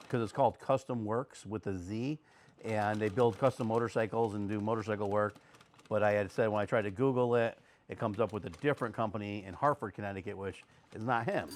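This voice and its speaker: Hoarse, low-voiced New man rambling. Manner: rambling, conversational, lots of fillers. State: hoarse, recovering from illness. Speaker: custom motorcycle seat maker. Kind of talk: casual workshop vlog talk.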